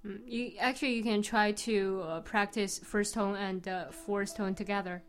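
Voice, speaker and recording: A woman's voice: medium pitch, fairly even intonation, moderate pace. A woman co-hosting a language lesson podcast, modeling words with upbeat emphasis. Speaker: podcast co-host, native-speaker teacher.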